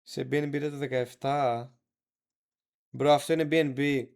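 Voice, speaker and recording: A man of middling pitch runs a live stream and talks over the clips in a loose, slangy way. His commentary is relaxed and half-muttered, as if he were chatting with friends. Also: vocal fry, clean tone. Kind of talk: casual live-stream chat.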